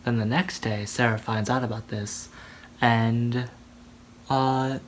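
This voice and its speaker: A man in a casual movie recap rambles through the plot with many fillers. His voice is mid-pitched, with faint noise behind it. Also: steady tone, slow. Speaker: movie reviewer vlogger.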